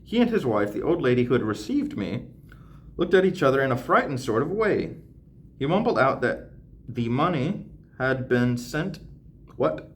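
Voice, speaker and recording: A man's voice: mid-range voice, very animated, moderate pace, pauses often, slight background noise. A young man reading a classic novel aloud on camera and breaking off for slangy, joking asides, often laughing. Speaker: channel host.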